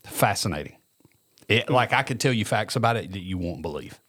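A man co-hosting a podcast reads a news article aloud in casual chat, frequently stumbling over names. His voice is fairly low and fairly bright, with lively intonation and a brisk pace. The sound is studio quality with no room sound.

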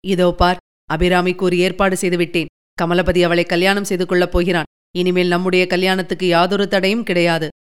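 A woman reading the part of a dying young male outlaw, gentle and resigned, in a faint, tender voice. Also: lowish voice, flat delivery, fairly quick, smooth, pitched below the performer's own voice, natural voice.

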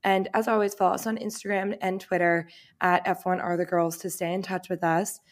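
Woman, twenties, from Boston, lower voice, upbeat, chatty podcast co-host. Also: little pitch movement, a little fast. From Boston, USA. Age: 20s. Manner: upbeat, chatty, says "like" often. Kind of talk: casual podcast chat.

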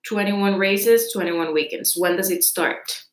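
A woman's voice: mid-range voice, measured pace. A young woman from Rica, hosting a casual interview and asking chatty, curious questions. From Costa Rica. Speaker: host. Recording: echoey room.

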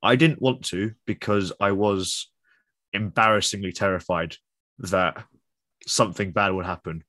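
A man co-hosting a football podcast, chatty and quick to laugh along. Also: low-pitched, steady tone, pushed and bright, no room sound. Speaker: podcast co-host. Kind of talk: casual football chat.

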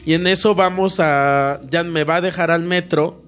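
A man with a Mexican Spanish accent telling a crude, animated anecdote on a casual comedy podcast, laughing and swearing as he goes. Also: fairly high pitch, normal speed, smooth. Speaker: podcast co-host.

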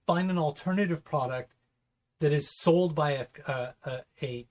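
A man's voice: fairly high pitch, a little slow. A man in his fifties from California, co-hosting a casual opinion chat and bluntly repeating his points. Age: 50s. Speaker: podcast co-host.

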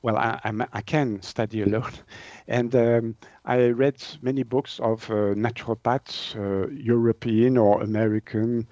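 A Swiss man in his sixties, a naturopath and author whose native language is French, answers interview questions conversationally in a Swiss French accent, hesitating and searching for words. His mid-range voice is warm and unhurried with little pitch movement, recorded lo-fi with no room sound.

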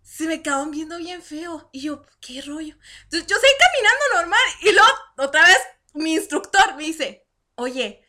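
A woman from Chihuahua with a northern Mexican accent, telling lively anecdotes in casual chat and laughing often. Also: very high-pitched, moderate pace. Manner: animated, laughs often while telling anecdotes, acts out dialogue.

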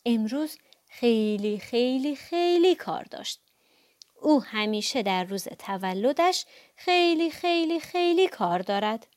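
Woman reading a kids' storybook, fairly high voice that swoops a lot, dry close sound. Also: no echo. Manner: animated, playful storytelling with sound effects. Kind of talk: reading a children's audiobook.

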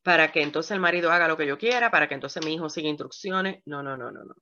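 Bright-voiced woman pastor preaching. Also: deep voice, quick pace, a little hiss or hum. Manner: lively preaching, asks the audience questions. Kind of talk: sermon to a women's group. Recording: dull lo-fi recording.

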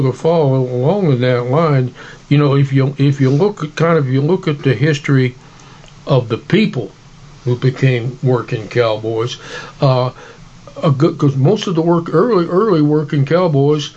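A man's voice: mid-range voice, darkish tone, dull audio. A man chatting casually about history as a radio co-host, in a folksy, rambling, informal way.

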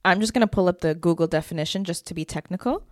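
A woman's voice: lowish voice, fast, a little mellow, no room sound, clean studio sound. A young woman co-hosting a casual podcast, rambling with lots of fillers and frequent giggles. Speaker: podcast co-host. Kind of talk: casual chat.

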